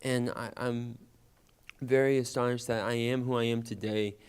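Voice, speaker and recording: Young man with a smooth voice. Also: mid-range voice, normal speed. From Louisiana, US. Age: young adult. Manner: animated, acts out childhood conversations. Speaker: actor guest. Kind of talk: personal storytelling.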